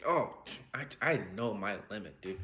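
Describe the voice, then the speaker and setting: A man's voice: on the low side, lively intonation, moderate pace, pushed and bright, slight background noise. A young man, a podcast co-host, chatting casually, laughing often and using slang. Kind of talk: casual chat.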